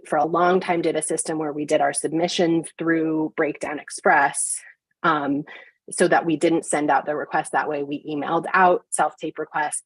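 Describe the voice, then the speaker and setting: A woman casting director talks in a low, husky voice, chatty and full of fillers and restarts. She speaks over a video call, and the sound is dry, with no room around it. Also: no room sound, poor audio. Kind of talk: conversational interview. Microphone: video call mic.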